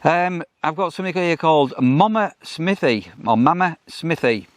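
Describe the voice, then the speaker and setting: A man's voice: fairly high pitch, lively intonation, moderate pace, dry recording. A middle-aged man co-hosting a vlog in casual chat, rambling and restarting with lots of ums. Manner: rambling, repeats himself, many ums and restarts. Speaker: vlog co-host.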